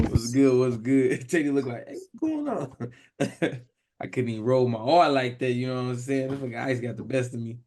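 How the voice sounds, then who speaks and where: A hoarse man co-hosting a sports podcast, talking in a loose, slangy and emphatic way. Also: mid-range voice, flat delivery, brisk, a little mellow. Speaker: podcast co-host. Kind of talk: casual sports chat.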